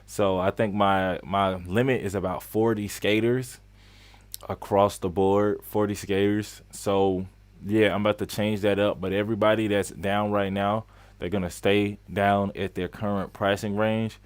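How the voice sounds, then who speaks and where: A young man in his late twenties runs a casual live-stream question session, talking in a loose, chatty way and repeating key phrases. His voice sits fairly low, and the sound is close and dry with no room around it. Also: flat delivery, a little slow, dry recording. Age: 20s. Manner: greets viewers by name mid-flow. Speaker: skate coach and live-stream host.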